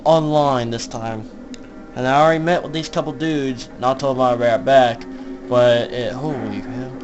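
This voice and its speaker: A young man casually commenting on a game he is playing, laughing a lot and shouting in panic when scared. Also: medium pitch, dull audio. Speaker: gamer.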